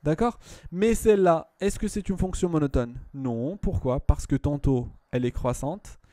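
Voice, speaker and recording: A man's voice: a little high, normal speed, warm tone, no room sound, clean studio sound. A man tutoring a student one-on-one in math, patient, often repeating himself and checking that she follows.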